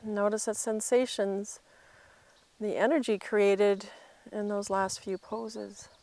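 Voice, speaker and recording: A woman yoga instructor gently talking a class through poses as she does them herself. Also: medium pitch, level tone, takes it slowly. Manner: gentle cueing while demonstrating the poses herself.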